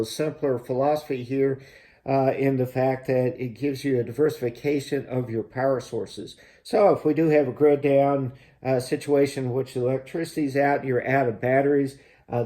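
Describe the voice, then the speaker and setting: A man with a mellow, relaxed voice hosts a casual product review. He explains each point in a measured, halting way, at a middling pitch. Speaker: host of a gear review channel.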